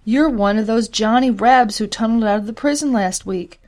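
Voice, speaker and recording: A woman reading a story voices a fierce, determined farm woman who speaks loudly and forcefully. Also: fairly high pitch, normal speed, voice pushed up, lightly acted. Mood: accusing. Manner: loud, forceful threats.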